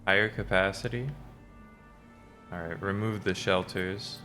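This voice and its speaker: A man's voice: low voice, fairly even intonation, measured pace, bright, forceful tone. A man giving casual, laid-back gameplay commentary, musing aloud as he plays. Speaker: gamer doing a playthrough. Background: game music.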